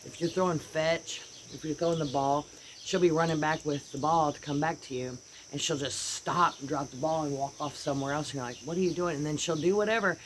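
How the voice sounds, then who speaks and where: A low-pitched, brisk woman's voice: an American vlogger rambling casually about her dogs from her porch outdoors. She's animated and voices the dogs' thoughts, with the sounds of birds and insects around her.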